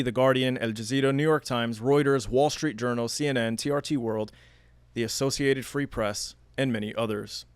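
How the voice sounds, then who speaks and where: Earnest podcast host in a dry studio. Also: male voice, medium pitch, clean tone, no echo. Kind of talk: podcast interview, read-out intro.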